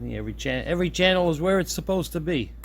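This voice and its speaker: A man with a slightly high, fast voice and vocal fry demos his radio modification hands-on at an indoor workbench, thinking aloud in an easygoing, casual way. Room ambience and steady background noise come through on the nearby tripod-mounted camera.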